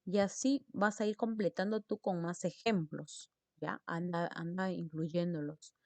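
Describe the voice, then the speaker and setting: A woman's voice: on the low side, steady tone, unhurried, a little mellow, no room sound. A woman teacher explains mark rules, repeating example words and checking in with her students. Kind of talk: spelling lesson on accent marks.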